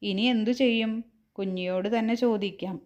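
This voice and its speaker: A woman teacher explaining a textbook lesson to young children, gently asking questions and answering them herself. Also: medium pitch, fairly even intonation, normal speed.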